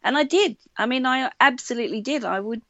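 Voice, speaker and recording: A woman with an Australian accent, a radio producer talking casually in an interview, animated and full of fillers and restarts. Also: high voice, brisk, no room sound. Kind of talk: conversational interview. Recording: dull lo-fi sound, dry.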